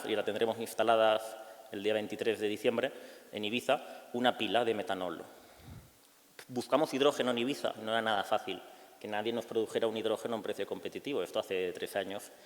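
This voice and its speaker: A man speaking on a panel in a halting way, often repeating words mid-phrase. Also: on the low side. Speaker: panelist, ferry company representative. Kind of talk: panel presentation. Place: university conference hall. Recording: long reverb in a lecture hall.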